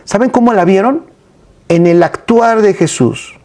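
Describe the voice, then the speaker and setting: A man preaching a sermon in an animated, emphatic way, full of rhetorical questions. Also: high-pitched, unhurried.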